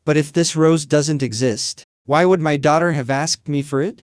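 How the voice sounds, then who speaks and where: Poor scared dad from a fairy tale, as a man reads it, slow begging voice, dry sound. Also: on the high side, no room sound, close to an everyday voice. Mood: wondering. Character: poor frightened old father, pleading.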